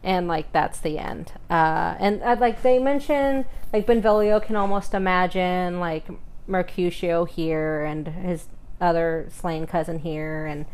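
A woman's voice: lowish voice, measured pace, darkish tone. A woman co-hosting a podcast, casually recapping a novel's plot in a rambling way, with lots of "and then she's like" and the odd swear. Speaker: podcast co-host. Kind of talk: casual book-club chat.

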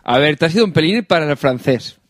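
A man running the segments of a casual podcast, talking quickly. His voice sits high and swings widely in pitch. The close mic sounds dry. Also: no echo. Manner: quick, lively, steers the segments. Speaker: podcast co-host.

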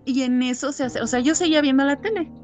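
A woman with a Mexican accent recounts eerie happenings in loose, everyday talk. Her voice sits a little high, and she fills pauses with small words and acts out the lines of the people in her story. Soft music plays faintly underneath. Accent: Mexican Spanish. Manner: animated, many fillers, acts out quotes. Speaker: guest telling ghost stories. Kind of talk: casual storytelling chat.

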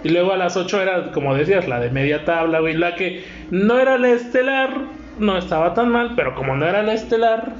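A man's voice: high voice, animated, brisk. A man with a Mexican accent chatting casually as a podcast host, in slangy, swearing, bro-like banter. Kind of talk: casual group chat. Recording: roomy, slightly dull, music behind.

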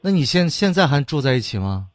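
A man's voice: fairly high pitch, big pitch swings, fast talker, no room sound, clean studio sound. A man hosting a call-in advice show, questioning the caller bluntly. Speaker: host.

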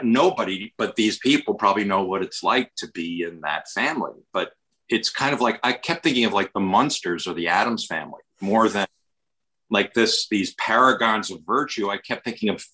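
Bright-voiced rambling American man. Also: on the low side, poor audio. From Westchester, New York, USA. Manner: rambling, many restarts and fillers. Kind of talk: casual chat.

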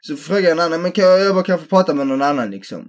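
A man in casual podcast chat, an animated storyteller who mimics broken English. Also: on the high side.

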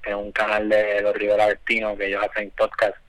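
A man's voice: on the low side, completely flat delivery, a little fast, a bit bright, no room sound, low-quality recording. A man co-hosting a podcast, chatting loosely with slang and lots of fillers. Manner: laid-back, loose slang, many fillers. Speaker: podcast co-host. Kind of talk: casual chat.

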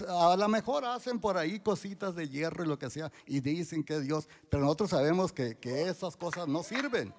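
A man, giving a church testimony in a halting way, full of restarts and fillers. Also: fairly high pitch, a little hiss or hum. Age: 60s.

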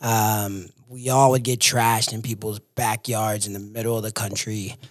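A man's voice: fairly low pitch, level tone, moderate pace, a little hiss or hum. A man from Indiana with a laid-back stoner voice, chatting casually and slangily as a podcast guest. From Indiana, USA. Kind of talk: casual chat.

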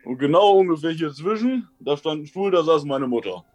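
A man in a casual interview, telling his own experiences in a rambling, colloquial way and often tagging sentences with a quick question. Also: a little high, expressive, a little mellow, dull audio. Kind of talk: casual storytelling.

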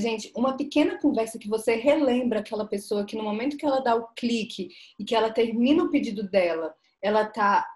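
A woman's voice: on the high side, darkish tone. A young Brazilian woman co-hosting a podcast, chatting informally and emphatically in an echoey, roomy recording. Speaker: podcast co-host. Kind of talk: casual chat.

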